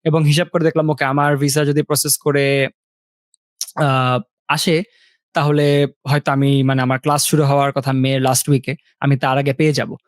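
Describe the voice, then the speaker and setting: A young man co-hosting a casual podcast from a remote call. He talks in a relaxed, halting way, mixes Bengali and English, and uses many fillers. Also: medium pitch, no room sound. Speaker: podcast co-host sharing his story.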